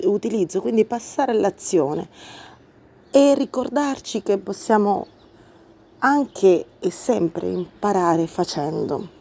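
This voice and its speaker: Earnest woman host with a warm, mellow voice. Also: mid-range voice. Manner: earnest and reflective, thinking aloud. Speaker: podcast host. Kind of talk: explanatory monologue about a book.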